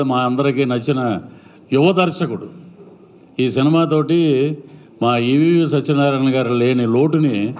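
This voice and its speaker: A man's voice: medium pitch, a little mellow. A middle-aged man speaking at a film event on stage, rambling and full of praise, sometimes acting out lines of dialogue. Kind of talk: stage speech at a pre-release event.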